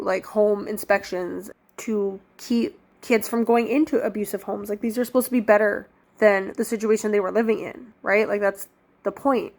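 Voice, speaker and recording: A woman in her thirties with a stuffed-up cold, chatting casually about books as a vlogger, rambling with lots of fillers. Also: mid-range voice. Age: 30s. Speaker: book vlogger. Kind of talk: casual chat.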